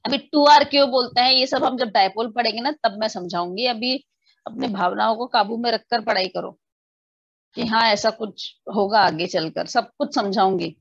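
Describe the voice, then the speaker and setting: Woman, physics teacher, patient step-by-step online lecture, higher voice, dull close-miked sound. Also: normal speed, husky, no room sound. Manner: explains step by step, often asking students if they understood; mixes English definitions into the explanation.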